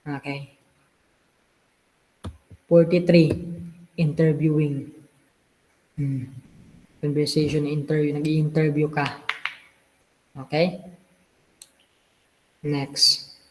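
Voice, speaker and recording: A man's voice: on the high side, little pitch movement, drawn-out words, long pauses, a little hiss or hum. Man teaching in a reverberant room. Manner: Taglish code-switching, teasing rhetorical questions. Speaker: exam review lecturer. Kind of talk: online review class lecture. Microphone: video call.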